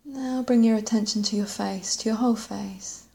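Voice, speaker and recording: A woman leading a guided body scan meditation in a gentle, unhurried way, leaving long pauses and letting phrase ends trail off softly. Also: mid-range voice, fairly even intonation, creaky.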